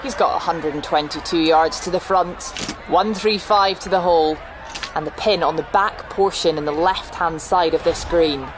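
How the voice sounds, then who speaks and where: A female golf commentator voiced by a woman reports yardages factually from the course in a game broadcast. Outdoor noise is clearly present behind her. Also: lowish voice, normal speed, natural voice. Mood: matter-of-fact.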